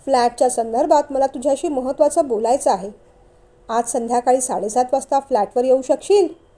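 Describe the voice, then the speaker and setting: A gentle, emotional young woman speaks softly and with composure, as a woman narrator reads her lines. Her voice is high and mellow, with a dark tone. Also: brisk, close to an everyday voice. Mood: calm.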